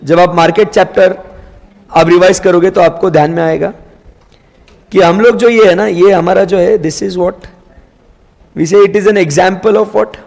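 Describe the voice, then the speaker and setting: Male lecturer, high-pitched and gravelly, quizzes the class and answers himself; reverberant room. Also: fairly even intonation, a little slow, pauses often, darkish tone. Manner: asks questions and answers them himself, mixes Hindi and English. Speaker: teacher.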